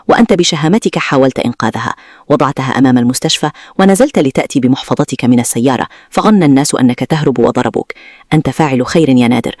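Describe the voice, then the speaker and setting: A man voicing a cunning, cold-blooded lawyer who talks with smug, coolly mocking calm, in a storybook-style retelling. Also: medium pitch, dry recording, studio quality, natural voice.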